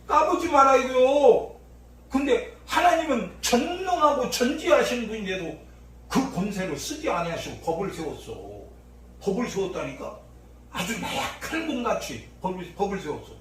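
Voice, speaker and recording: A male pastor preaching an impassioned sermon, swinging from low murmurs to shouts, recorded in a church sanctuary during an evening service. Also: animated, moderate pace. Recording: echoey church hall from far off, faint noise.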